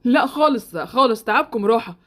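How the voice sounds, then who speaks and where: A woman voicing a calm male doctor with an Egyptian accent, soothing a patient. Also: on the high side, a little fast, natural voice. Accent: Egyptian Arabic.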